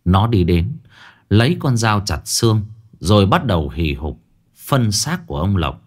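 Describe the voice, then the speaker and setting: A man narrating a horror story in a dramatic, expressive way. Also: fairly low pitch, unhurried, breathy edge.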